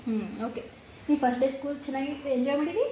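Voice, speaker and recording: High-voiced mother coaxing her child. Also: fast, dark tone, reverberant, slight background noise. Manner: coaxing, affectionate questioning of a child. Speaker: mother and vlogger. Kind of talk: casual family vlog chat.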